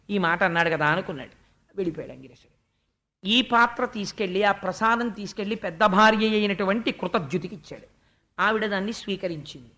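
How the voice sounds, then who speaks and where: A religious storyteller giving a devotional discourse, swinging between loud emphasis and hushed asides, and chanting verses in a slow, raised tone. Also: medium pitch.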